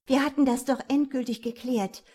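A woman's voice: high voice, steady tone, normal speed, dark tone, pitched above the performer's own voice. A woman reading aloud and voicing a frightened young woman who pleads in a strained, breathless way. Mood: desperate.

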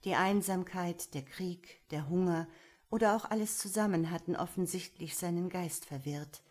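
A woman reading a story aloud as narrator, steady and measured. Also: lowish voice. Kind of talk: scripted audiobook narration.

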